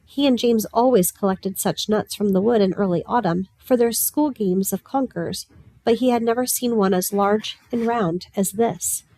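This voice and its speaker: A woman narrates a novel in a calm, even reading voice. Her pitch sits in the middle range. The sound is dry and close, with no room echo. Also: moderate pace. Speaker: audiobook narrator. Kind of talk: storybook narration.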